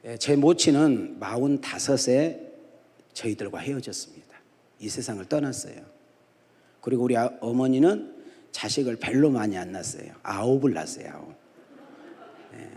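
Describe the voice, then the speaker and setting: Lively middle-aged pastor in an echoey church. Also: male voice, medium pitch. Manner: jokes and quizzes the congregation with call-and-response questions. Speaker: guest pastor. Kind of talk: humorous storytelling sermon. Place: large church sanctuary at a dawn prayer service. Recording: echoey church hall reverb.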